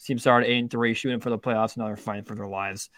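A young man with a lowish, fairly bright voice talks fast in a steady tone as co-host of a casual sports betting podcast. His delivery is rambling and self-interrupting, with many restarts and some swearing. The audio is clean studio sound without room sound.

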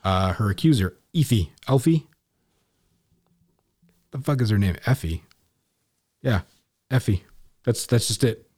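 A man's voice: on the low side, normal speed, long pauses, a little mellow. A man co-hosting a podcast in casual chat, rambling and profane, restarting his sentences. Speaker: podcast co-host.

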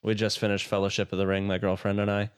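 A man's voice: lowish voice, completely flat delivery, fast talker, clean tone. A man cohosting a podcast, chatting casually and joking with the others.

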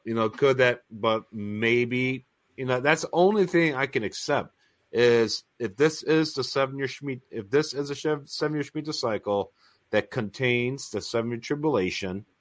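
A man's voice: medium pitch, normal speed, a bit bright. A man co-hosting a live stream, talking earnestly and emphatically about prophecy timelines, often repeating his phrases. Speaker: co-host of a prophecy talk stream. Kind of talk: casual live-stream discussion.

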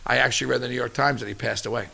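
Gravelly middle-aged chef telling stories. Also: male voice, medium pitch, rapid-fire, crowd noise. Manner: animated storyteller, casual and profane. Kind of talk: casual interview chat.

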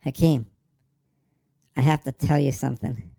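A soft-spoken, caring brother, as an actor plays him, gentle and apologetic in a drama scene. The voice has a creaky texture, and the recording is dry and close-miked. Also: mid-range voice, steady tone, a little slow, no echo. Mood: earnest. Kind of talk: dramatic dialogue.

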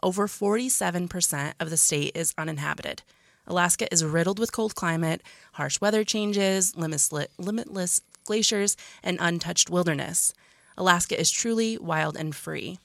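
A woman's voice: fairly low pitch, normal speed, vocal fry, no echo. A woman hosting a podcast, chatting casually and telling a story in a studio. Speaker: podcast host. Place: small dry podcast studio.

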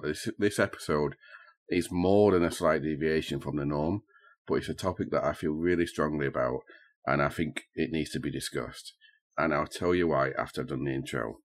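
Very deep-voiced man hosting a podcast. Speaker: podcast host. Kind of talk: scripted true crime podcast narration.

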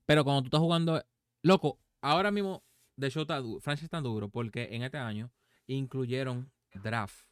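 A Dominican man hosts a relaxed gaming chat in casual speech. His voice is mid-pitched and smooth, recorded dry with no room sound. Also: moderate pace, no room sound. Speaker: podcast host.

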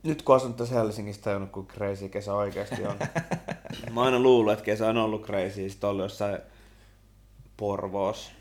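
A young man, co-hosting a podcast and telling stories in an animated, slangy casual chat. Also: lowish voice. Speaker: podcast co-host.

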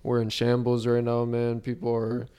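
A man's voice: medium pitch, monotone, moderate pace, dark tone, smooth. A young man in a casual podcast chat, talking in an earnest, rambling, slangy frat-bro way. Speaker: podcast host.

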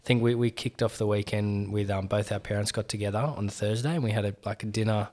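Young aussie bloke, bit low voice, loose slangy podcast chat. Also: male voice, steady tone, fast talker, darkish tone. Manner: easygoing, slangy, repeats words as he restarts. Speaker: podcast co-host.

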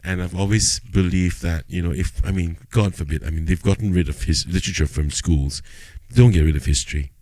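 Casting: male podcast host, Singaporean accent, low voice, colloquial Singlish-tinged chat, close dry sound. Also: fairly quick, hardly any pauses, dark tone, no echo. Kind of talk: casual conversation in Singlish-tinged English.

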